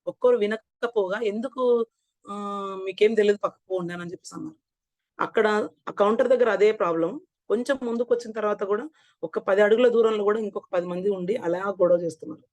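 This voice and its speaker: A woman from Hyderabad recounts her own experience in an earnest, storytelling manner. She acts out what others said in quotes. Her voice sits mid-pitch and is recorded dry and close. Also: fast talker, darkish tone, dry recording. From Hyderabad, India. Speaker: meditation practitioner sharing experience. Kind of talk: personal testimony.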